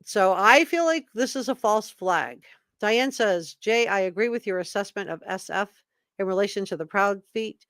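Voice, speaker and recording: A woman with a medium-pitched voice delivers live commentary in a dry, close recording. She reads statements aloud with emphasis, repeating key words. Her delivery is opinionated, with informal asides to her viewers. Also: expressive, moderate pace, a bit bright, no echo. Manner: opinionated, informal asides between read passages. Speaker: livestream host commentator.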